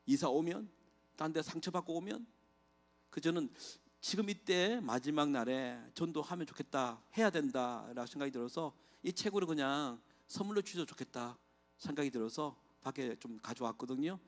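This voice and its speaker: A man's voice: fairly high pitch, lively intonation, moderate pace. Impassioned middle-aged man preaching. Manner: impassioned, rhetorical questions to the congregation. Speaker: guest pastor. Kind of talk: testimony sermon. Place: church sanctuary.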